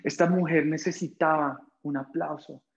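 Animated young male pastor preaching. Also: fairly high pitch, moderate pace, vocal fry, highs cut off. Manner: animated preaching with rhetorical questions; drops to soft, quiet tones when quoting Jesus. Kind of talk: sermon.

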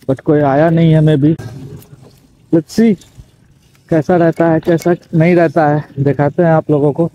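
A young man from Bihar, India, talks directly to viewers from his motorbike on town roads in a casual vlog, saying things more than once. His voice is on the high side. The recording is muffled, with a little hiss or hum.

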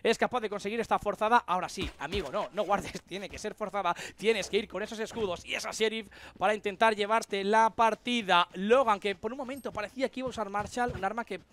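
Bright, high-voiced male esports caster. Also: quick pace, hardly any pauses, slight background noise. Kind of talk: esports match commentary.

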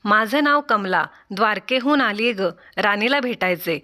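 A woman's voice: mid-range voice, expressive, moderate pace, pushed and bright. A woman voicing an old beggar woman who scolds with stern, rebuking words in a told folk tale. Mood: indignant.

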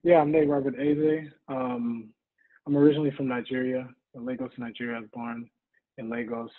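A young man talks about himself in a soft, husky, flat voice, his words measured and often trailing off. The audio is thin and phone-like, as over a webcam call from a room by a window. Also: mid-range voice. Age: young adult. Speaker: panelist. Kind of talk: self-introduction on a video call. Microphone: video call webcam.

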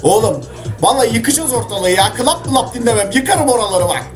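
A man's voice: extremely high pitch, expressive, brisk. A man doing a cheeky wisecracking talking dog. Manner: streetwise, joking, exasperated. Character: cheeky slangy talking dogs, male and female. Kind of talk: comedy voice-over dubbing of pet videos. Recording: voice-over with loud background music.

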